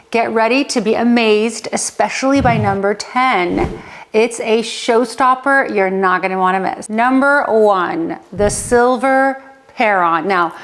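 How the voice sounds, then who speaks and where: A woman hosting her home decor channel as an interior designer, talking in an enthusiastic, chatty and emphatic way. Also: fairly high pitch.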